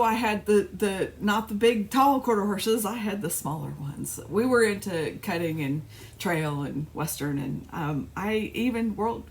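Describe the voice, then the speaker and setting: A woman's voice: mid-range voice, slight background noise. Chatty rambling woman vlogger. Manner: chatty, rambling, with frequent restarts and laughs. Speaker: flosstube vlogger. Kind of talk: casual chat.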